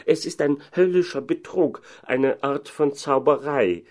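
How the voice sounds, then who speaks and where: A man's voice: a little high, a little mellow, pitched above the performer's own voice, natural voice. A man voicing a learned, pompous old pastor who drags his words out. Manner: drawn-out, pompous.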